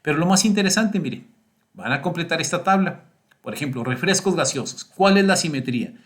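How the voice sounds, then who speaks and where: A man's voice: on the high side, lively intonation, a little fast, fairly bright tone. A middle-aged man, teaching a recorded screen-share statistics lesson. He explains patiently step by step and keeps checking in with his students.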